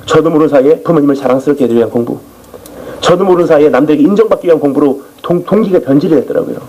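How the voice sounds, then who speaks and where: Male missionary preacher, lively sermon delivery, somewhat high and husky. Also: very fast, low-quality recording. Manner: animated storytelling testimony. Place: church.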